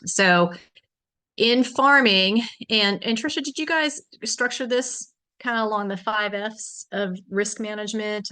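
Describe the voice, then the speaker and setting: A woman runs a farm business workshop as the instructor, frank and chatty, her lesson full of fillers and restarts. Her medium-pitched voice is unhurried yet pushed and bright, with a clear, resonant tone.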